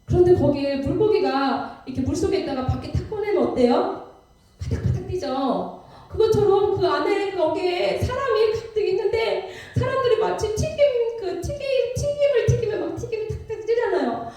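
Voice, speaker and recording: A woman's voice: very high voice, animated, normal speed, dark tone, distant mic. A woman missionary giving a sermon testimony, telling her story vividly and dramatically in a church. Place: church sanctuary. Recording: echoey church hall from afar.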